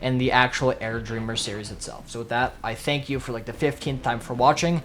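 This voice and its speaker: Young guy hosting his channel, rambling outro, middle pitch, talks fast like an auctioneer. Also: fairly even intonation, a bit bright, slight background noise. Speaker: channel host. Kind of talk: casual outro to the camera.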